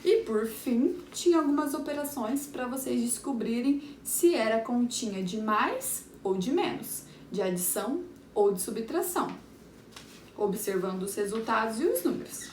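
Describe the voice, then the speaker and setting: Brazilian lady teacher sounding out words real slow for little kids, kinda high voice, far off in a roomy space. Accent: Brazilian Portuguese. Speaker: primary school teacher. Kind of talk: remote lesson review for young children. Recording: echoey room, far from the mic, faint background hum.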